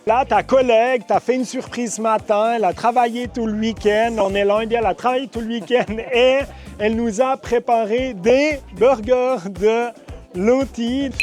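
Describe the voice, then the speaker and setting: A man's voice: very high voice, a little mellow. A man, presenting local food producers on location in an effusive, enthusiastic way. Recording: music behind the voice.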